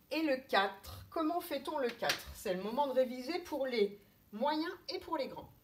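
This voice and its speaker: A woman, a kindergarten teacher giving a slow, step-by-step handwriting lesson to young children. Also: on the high side. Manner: slow, step-by-step instructions, thinking aloud.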